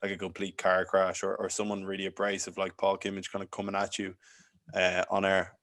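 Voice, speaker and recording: A man hosts a podcast and asks his guest rambling, casual questions. His voice is very deep and stays flat, with little rise and fall. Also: fairly quick. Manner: relaxed, loosely phrased questions. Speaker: podcast host.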